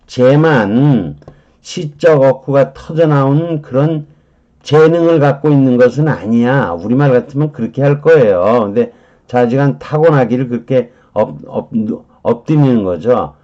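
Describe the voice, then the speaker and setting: A man gives an unhurried vocabulary lesson in a mellow, dark voice. He stretches his fillers and says English phrases slowly, one word at a time. The recording sounds a little dull and lo-fi. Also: mid-range voice, animated. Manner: slow explaining with many drawn-out fillers. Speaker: English teacher.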